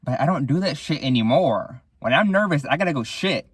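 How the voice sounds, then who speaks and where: A man's voice: a little high, expressive, a little fast, breathy edge, dry recording. A young man hosting a solo podcast, telling casual stories with frequent laughter, the odd swear and acted-out quoted voices. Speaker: podcast host.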